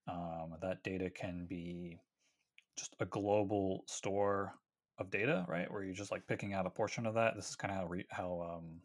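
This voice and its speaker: Deep-voiced man explaining web tech. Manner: rambling, self-correcting explanations. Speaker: podcast co-host. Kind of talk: casual tech chat.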